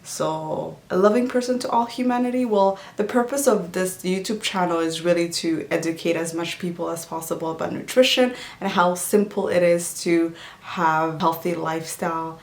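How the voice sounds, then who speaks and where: Speaking at a normal speed with hardly any pauses, she has a fairly low pitch and fairly even intonation. She's a laid-back health and nutrition vlogger from Djibouti, not a native English speaker, chatting through a casual Q&A with plenty of fillers and restarts in an echoey room.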